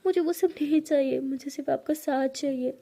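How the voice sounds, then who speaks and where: A woman voicing a young woman in love, pleading through tears in a high voice. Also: fairly even intonation, brisk, vocal fry, warm tone. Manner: begging, emotional.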